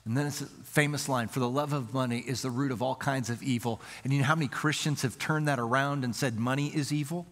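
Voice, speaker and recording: A man's voice: medium pitch, fairly even intonation, quick pace, few pauses, a bit bright. A man preaching a sermon as pastor, earnest and repetitive, asking the congregation rhetorical questions. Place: church sanctuary.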